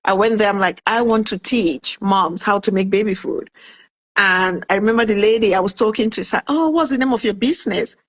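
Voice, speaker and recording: Fairly quick and mid-range in pitch, this woman's voice comes through a rough recording. A Cameroonian author and food entrepreneur in her fifties, she's a casual interview guest who animatedly recounts her story, quoting herself from back then.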